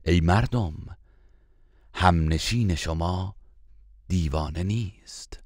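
Low-voiced man calmly reading a translation, steady and measured. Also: dry recording, clean studio sound. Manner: calm, even reading between verses.

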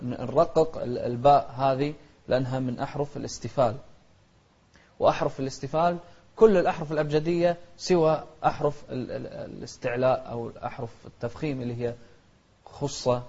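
A man teaching tajweed, chanting verses slowly and then explaining the rules in quick, quieter asides. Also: mid-range voice, fairly even intonation, dull audio. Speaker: Quran recitation teacher. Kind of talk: tajweed lesson, recitation alternating with explanation.

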